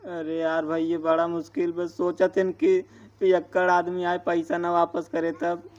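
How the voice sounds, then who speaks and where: Man acting a whiny, high-pitched town drunk. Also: completely flat delivery, measured pace, darkish tone, dull audio. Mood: worried, whining. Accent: eastern Uttar Pradesh. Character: pleading village drunkard husband, whining and bewildered. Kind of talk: amateur comedy skit acting.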